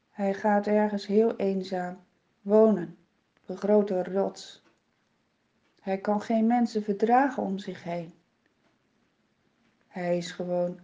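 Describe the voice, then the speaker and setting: A woman's voice: mid-range voice, dark tone. A woman telling a Bible story for children in a dramatic, vivid way, repeating words for effect. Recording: dull lo-fi recording.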